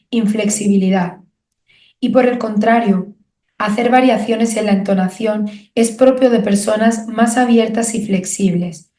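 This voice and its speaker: Woman from reading a how-to audiobook, calm measured teacher tone, bit of room echo. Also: mid-range voice. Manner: clear, measured, didactic delivery with rhetorical questions. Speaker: audiobook narrator and author. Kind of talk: instructional audiobook narration.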